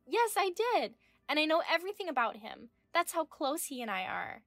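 A woman's voice: high-pitched, big pitch swings, moderate pace, a bit bright, dry recording, faint music behind, pitched above the performer's own voice, full character voice. A woman voicing a smug young female medical student in her twenties who mocks and talks down to an older wife. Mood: taunting. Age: 20s. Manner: mocking, condescending.

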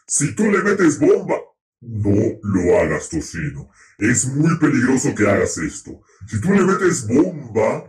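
A man's voice: medium pitch, a little mellow. A man playing a bossy self-made ruler. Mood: scolding. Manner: bossy, scolding, bursts of panic. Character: self-proclaimed boss, grandiose conqueror. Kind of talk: roleplay commentary in a video game. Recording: roomy echo, faint noise.

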